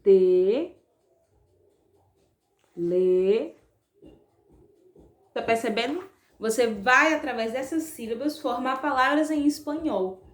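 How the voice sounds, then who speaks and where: A woman with a Brazilian accent teaching a Spanish lesson to schoolchildren, spelling out words slowly by syllable and checking in with a frequent "ok?". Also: high-pitched, fairly bright tone. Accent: Brazilian Portuguese. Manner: slow, drawn-out, spelling out syllables. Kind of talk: online class lesson. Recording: echoey room.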